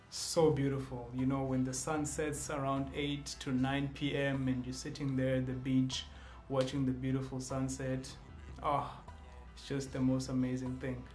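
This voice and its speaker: This YouTuber is a young man with a South African accent who jokes around and slips into other languages while casually presenting himself on his channel. His mid-range voice has a darkish tone, and the sound is roomy, captured by a close-range camera in a small room lined with shelves.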